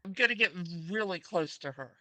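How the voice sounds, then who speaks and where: Bright-voiced woman playing a tabletop game. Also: medium pitch, expressive, brisk, no echo. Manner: describes her character's actions in first person. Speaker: player. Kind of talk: tabletop role-play.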